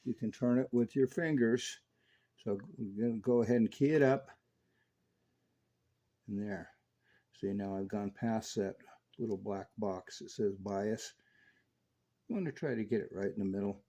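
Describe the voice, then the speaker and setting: With a lowish, dark-toned voice, normal speed and long pauses, a radio repair technician methodically shows a customer his restoration work step by step. The highs of the recording are cut off.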